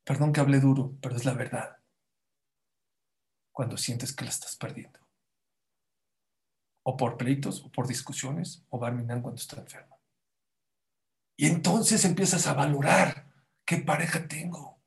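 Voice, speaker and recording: A man preaching a sermon to a congregation, dramatic, dropping to a hush and then rising loud as he acts out the people in his stories. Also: medium pitch, measured pace, gravelly, long pauses. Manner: dramatic, swings from hushed to loud, acts out quotes.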